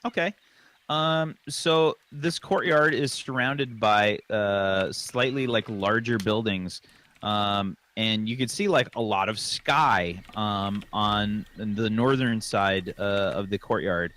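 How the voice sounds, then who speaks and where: Rambling low-voiced game master. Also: male voice, slow, fairly bright tone. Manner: loose and rambling, many fillers. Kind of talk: narrating a tabletop game.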